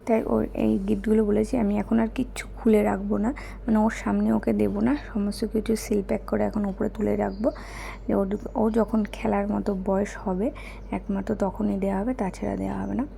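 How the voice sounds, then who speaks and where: Hoarse young woman vlogger, soft casual gift chat, gravelly, flat delivery, faint background noise. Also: medium pitch, normal speed. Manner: speaking softly because her son is asleep. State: hoarse, her throat is bad. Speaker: vlogger showing gifts.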